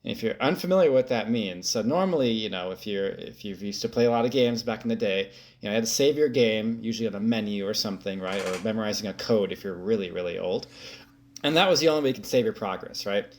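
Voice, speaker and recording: Male podcast co-host, easygoing explainer, lowish voice. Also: fast. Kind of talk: casual chat.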